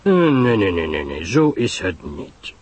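A man doing a fussy, measured old detective. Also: sits low, slightly rough, exaggerated voice. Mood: calm. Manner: calm, measured, faintly weary. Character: fussy, precise older foreign detective.

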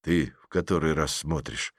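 A man's voice: very deep voice, moderate pace, husky, dry recording, clean studio sound, pitched below the performer's own voice, full character voice. A man voicing an eager schoolboy who keeps whispering spoilers during a film. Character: schoolboy Petrov, chatty know-it-all.

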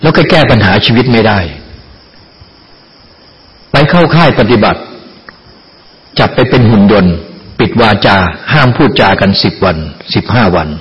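A male dharma teacher preaches with a lively, swooping voice and a teasing, plain-spoken way of talking. The recording is dull and lo-fi. A long reverb trails each phrase. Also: medium pitch, normal speed, long pauses. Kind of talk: dharma talk.

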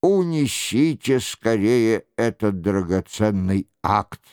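A man reading an audiobook and voicing a scheming older male cardinal who speaks calmly. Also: on the low side, slow pace, clear, resonant tone, no echo, studio quality, pitched below the performer's own voice. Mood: calculating.

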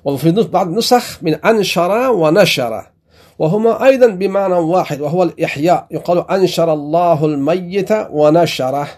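Deliberate male teacher, higher pitch. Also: darkish tone. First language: Pashto or Dari. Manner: slow, deliberate reading of quoted text with explanations; frequent self-corrections and restarts. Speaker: sheikh teaching Quran commentary. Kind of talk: classroom lesson.

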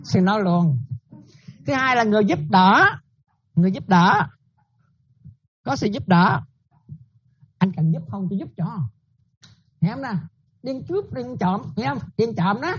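Husky-voiced nun giving a dharma talk. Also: female voice, a little high, normal speed, long pauses, highs cut off. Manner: checks listeners often, repetitive and animated. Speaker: Buddhist nun teacher.

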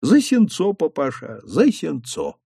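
Мужчина озвучивает хитрого молодого сыщика, который говорит спокойно и насмешливо. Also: male voice, on the high side, gravelly, husky, dry recording, studio quality, exaggerated voice. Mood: teasing. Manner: calm, mocking, drawn-out. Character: sly calm young male detective.

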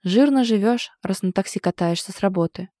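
A drunk, sour ex-boyfriend, as a woman narrator puts him on, sneering and bullying in a storybook scene. The voice sits dark and mellow and sounds dry and close. He pushes harder and louder than the calm narration around him. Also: mid-range voice, brisk, no echo, lightly acted.

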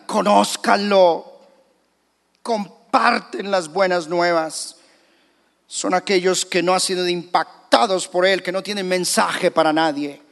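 High-voiced pastor preaching. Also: male voice, fairly bright tone. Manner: emphatic, dramatic preaching. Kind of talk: sermon. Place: church. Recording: reverberant church hall.

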